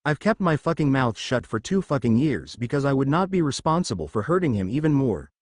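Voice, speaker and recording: A man's voice: mid-range voice, very animated, a little fast, no room sound, clean studio sound. A man reading the lines of a drunk, furious young woman who snarls and taunts, in an audiobook-style story reading. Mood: raging.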